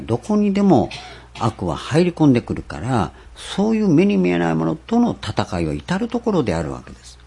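A man preaching a sermon, stressing points with rhetorical questions and slowing down for scripture. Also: medium pitch, warm tone, slightly rough. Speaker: pastor.

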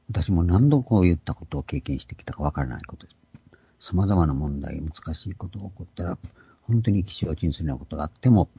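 A man's voice: low voice, husky, dry recording. An older man preaching an earnest sermon, explaining and stressing key words. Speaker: pastor. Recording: dull lo-fi recording.

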